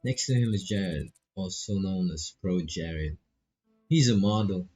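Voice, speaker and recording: At a measured pace, a streamer with a Filipino accent reads dialogue from the visual novel he's playing and adds playful quips. His voice is low-pitched and darkish with a breathy edge, and music plays behind it.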